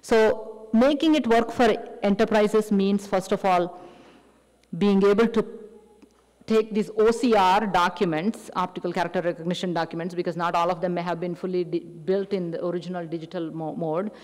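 A woman's voice: on the low side, steady tone, moderate pace, darkish tone. A woman with an Indian accent giving a technical lecture, explaining step by step with frequent fillers and restarts. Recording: echoey hall with long reverb.

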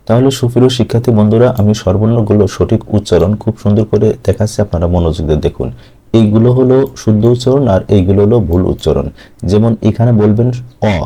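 A man's voice: fairly low pitch, dark tone. A man teaching a grammar lesson for exam students, explaining step by step and answering his own questions.

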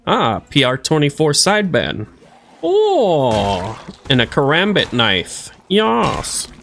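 A man in his thirties streams a survival game, chatting to himself in goofy, playful silly voices. His voice is on the high side with wildly swooping pitch, a slow pace, vocal fry and some brightness, over faint music.

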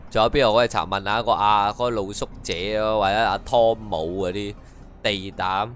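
香港男實況主，講得慢吞吞，邊翻譯對白邊抽水. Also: male voice, lowish voice, steady tone, unhurried, a bit bright. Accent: Hong Kong Cantonese. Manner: dry, mocking running commentary and translation of dialogue. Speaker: game streamer. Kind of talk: casual gameplay commentary. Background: faint game music.

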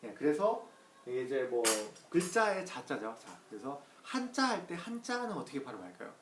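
A man gives a casual pronunciation lesson, chatting with many fillers and slowly repeating each sound several times. His pitch swings a lot as he talks. He sounds a little far from the mic in an echoey room. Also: sing-song, slight background noise. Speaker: Chinese pronunciation teacher. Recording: roomy echo, voice a bit far from the mic.

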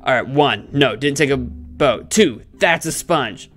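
A man's voice: medium pitch, animated, unhurried, a bit bright. A man in his thirties giving playful let's play commentary, goofily musing aloud into a close mic. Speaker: host, gaming streamer. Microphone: close desk microphone on webcam stream. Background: faint game music.

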